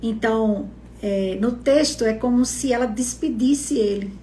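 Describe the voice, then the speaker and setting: A woman's voice: a little high, unhurried, mellow, slight background noise. A woman teaching a church Bible study in a conversational way, often checking in with her listeners. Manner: conversational, asks questions, often adds "né?". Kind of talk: teaching on a Bible passage in a church live stream.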